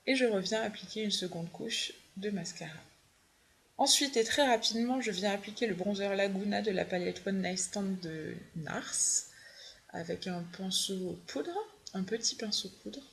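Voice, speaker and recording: A woman's voice: mid-range voice, measured pace, creaky. A young woman, a beauty vlogger, walking through her makeup steps in a chatty, upbeat tutorial. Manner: chatty, fond of her favorite products.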